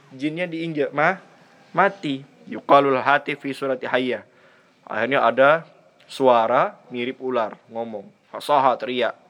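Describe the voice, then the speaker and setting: A man teaching a religious study lesson, telling stories in a lively way and acting out voices. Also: medium pitch.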